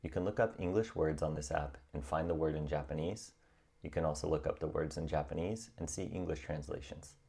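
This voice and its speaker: Man, young adult, extremely low voice, calm encouraging tutorial narration. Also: a little fast, creaky, slightly rough. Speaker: language-learning YouTuber.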